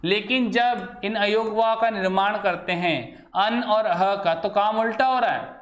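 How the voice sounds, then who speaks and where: A man's voice: sits high, a little slow, a bit bright. A man teaching a grammar lesson to a class. He keeps asking questions and then answering them himself. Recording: echoey room.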